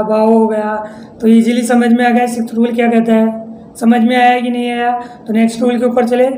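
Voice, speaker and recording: Indian male teacher, mellow tone, quizzes students as he drills, echoey room with faint hiss. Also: very high-pitched. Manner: drills with repeated questions to students. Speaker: English teacher. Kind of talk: classroom-style pronunciation lesson.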